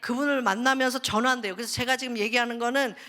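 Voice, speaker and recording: A pastor's wife preaching at a Friday service, animated, swinging between loud bursts and hushed asides as she acts out people's prayers. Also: on the high side, quick pace. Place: church sanctuary. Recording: reverberant church hall.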